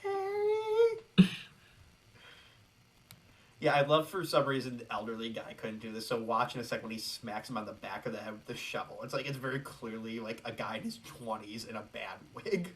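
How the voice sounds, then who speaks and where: A man's voice: medium pitch, fairly bright tone, a little hiss or hum. Chatty man hosting a film commentary. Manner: chatty, quick asides with frequent "like". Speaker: podcast co-host. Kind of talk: casual film commentary chat.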